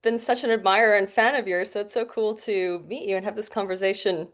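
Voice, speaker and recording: A Bahamian woman in her forties with a North American accent speaks as a guest doctor in an easygoing interview, laughing as she chats about her story. Her mid-range voice is steady and fairly quick.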